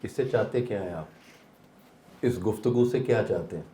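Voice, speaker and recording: A man's voice: lowish voice, dark tone, a little hiss or hum. A man giving a motivational seminar talk, mixing English phrases into Urdu and asking rhetorical questions. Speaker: seminar speaker. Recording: echoey hall.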